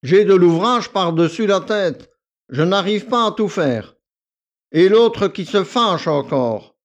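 A man's voice: high-pitched, animated, slow pace, voice pushed up, full character voice. A man voicing an arrogant, lazy young male valet who talks in a nasal, drawling, condescending way. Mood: bored, condescending.

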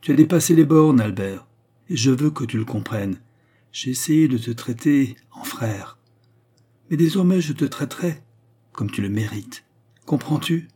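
A man's voice: mid-range voice, moderate pace, slightly rough, lightly acted. A man voicing a domineering older man who berates and threatens his brother, in a storybook reading. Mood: menacing. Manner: threatening, forceful.

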